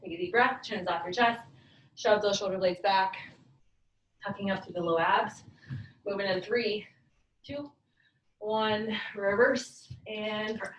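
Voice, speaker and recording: A woman's voice: mid-range voice, fairly even intonation, a little slow, long pauses, dull audio. A woman leading a workout as an aerobics instructor, calling counts, breathing and posture cues in short, encouraging commands. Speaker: fitness class instructor. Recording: roomy echo, far from mic, faint noise.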